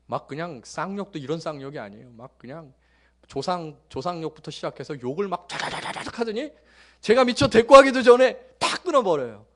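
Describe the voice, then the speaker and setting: A middle-aged male pastor preaching a sermon, telling jokey stories that swing from loud bursts to hushed asides. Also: on the high side, a little fast. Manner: lively, joking storytelling with sudden loud bursts and hushed asides.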